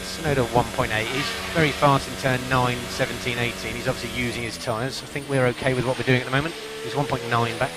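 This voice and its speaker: A man's voice: mid-range voice, fairly even intonation, quick pace, hardly any pauses, heavy background noise. A man working as a race engineer, giving concise, repeated instructions over race car team radio. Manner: concise, repeats key calls.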